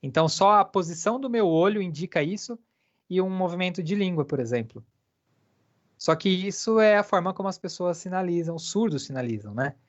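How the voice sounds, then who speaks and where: An interpreter voices a deaf lecturer's talk live, speaking in halting phrases full of filler pauses. The pitch sits in the middle of the range. The stream sounds dull and lo-fi. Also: animated.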